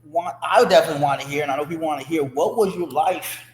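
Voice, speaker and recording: A man's voice: a little high, fast, echoey room, in a large hall. A man hosting an interview, chatty, often repeating words as he frames his questions. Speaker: host. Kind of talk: conversational interview.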